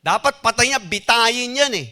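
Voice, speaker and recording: A man voicing an angry king who shouts indignant demands for justice. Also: sits high, expressive, fairly quick, full character voice. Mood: outraged. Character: furious adult male king demanding justice.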